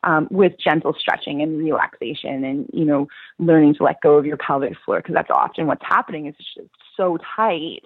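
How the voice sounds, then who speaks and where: A woman's voice: low voice, fairly quick, slightly rough, no echo. A woman therapist explaining pelvic floor care in an interview, her voice coming through a tinny phone line, reassuring and practical with frequent fillers.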